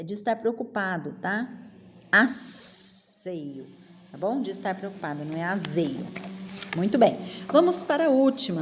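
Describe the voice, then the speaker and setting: A middle-aged woman with a Brazilian Portuguese accent, teaching a spelling lesson to children and drawing words out slowly, one at a time. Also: mid-range voice, a little hiss or hum. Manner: slow, drawn-out word-by-word enunciation.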